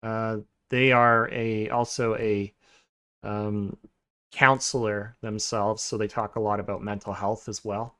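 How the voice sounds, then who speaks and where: A podcast host with a lowish voice chats in a relaxed, casual way. He pauses often with filler sounds and keeps restarting his sentences.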